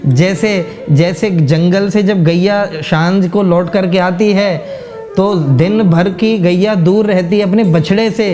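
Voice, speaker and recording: Man, devotional storyteller, emotive sermon, high pitch, warm mellow tone. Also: slow pace, soft background music. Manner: emotive, addresses listeners directly.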